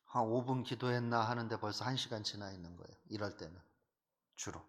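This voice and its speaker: A male pastor preaching an animated sermon, full of rhetorical questions and emphatic repetition. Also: lowish voice, fairly quick. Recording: long hall reverb.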